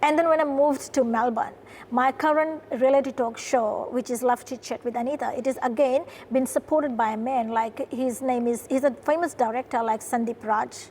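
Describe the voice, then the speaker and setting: In an earnest studio interview, a woman from Fiji, founder of a production company, tells her story and regularly slips in "right?". She speaks at normal speed in a high-pitched, darkish voice with fairly even intonation. There's a little hiss or hum in the background.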